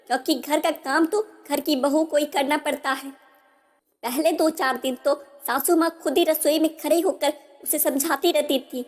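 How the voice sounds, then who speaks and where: A woman narrating a family story in an even, measured storytelling manner. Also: high voice. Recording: long hall reverb.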